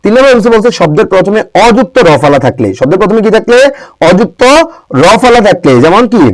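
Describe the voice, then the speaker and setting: A young male teacher from Bangladesh runs an exam-prep grammar lesson in a fairly high voice. He keeps asking his students questions and answers them himself. He says each example word slowly, more than once. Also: animated, no room sound, poor audio. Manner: drills pronunciation with constant rhetorical questions; repeats words slowly for emphasis.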